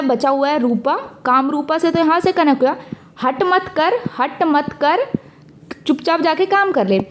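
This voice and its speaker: A woman's voice: high-pitched, slight background noise. A young woman teaching exam current affairs in a casual, chatty way, mixing English words into her talk and speaking straight to her students. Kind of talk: casual lesson with memory tricks.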